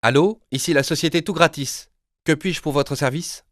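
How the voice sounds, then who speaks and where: A man's voice: a little high, moderate pace, no room sound, clean studio sound, voice pushed up, lightly acted. A man voicing a sly, coaxing company voice on the telephone in a children's audio story. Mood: smooth.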